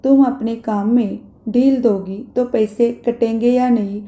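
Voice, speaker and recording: A woman's voice: on the high side, fairly even intonation, unhurried, mellow, lightly acted. A woman voicing a stern, stingy male house master who scolds and counts off deductions, in an echoey room.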